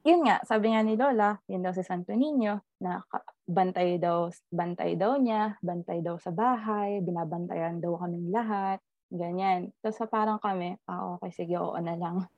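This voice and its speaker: A woman telling a ghost story in casual chat, animated and laughing often as she tells it. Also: medium pitch, normal speed, no room sound. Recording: slightly dull lo-fi audio.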